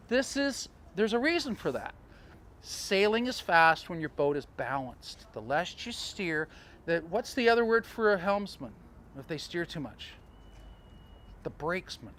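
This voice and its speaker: A man coaching sailors on sail trim, talking in an animated, storytelling way with chuckling asides. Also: high voice. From Canada. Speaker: sailing coach. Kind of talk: outdoor teaching talk.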